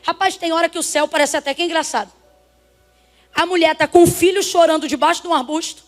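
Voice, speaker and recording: A Brazilian woman preaching a sermon to a congregation, emphatic and swinging from soft talk to shouts as she calls on the listeners. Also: extremely high pitch, steady tone, quick pace, soft background music. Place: church before a congregation.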